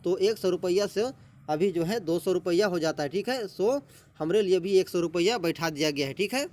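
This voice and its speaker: High-pitched guy teaching a play line by line, keeps saying fillers between bits. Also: normal speed, darkish tone. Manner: reads each line, then restates it plainly with frequent fillers.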